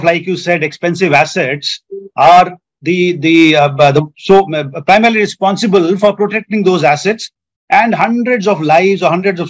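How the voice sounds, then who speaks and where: A man, a panel guest who speaks earnestly and sets out his points in order. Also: high-pitched. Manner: earnest, structured, lists points. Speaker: hotel general manager, panel guest. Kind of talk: panel discussion.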